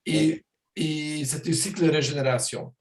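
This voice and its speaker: A man with a fairly high voice speaks in a roomy, echoing space. He talks casually and encouragingly, offering warm reassurance and longer explanations. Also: fairly even intonation, normal speed. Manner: encouraging, short enthusiastic replies. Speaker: interviewer and product presenter. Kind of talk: casual conversation.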